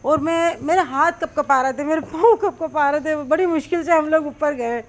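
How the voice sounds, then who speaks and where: High-voiced chatty woman telling a story. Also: normal speed. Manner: rambling, many "है ना" fillers. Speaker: cooking channel host. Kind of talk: chatty storytelling while cooking.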